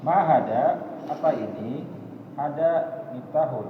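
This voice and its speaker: Student guy, slow unsure reading, phone-like and roomy, faint background noise. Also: mid-range voice, animated. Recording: tinny, echoey, far from mic.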